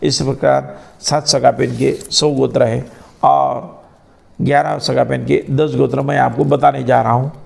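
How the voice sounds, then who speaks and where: A man slowly reciting a long list of names in a steady, monotone way. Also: mid-range voice, vocal fry.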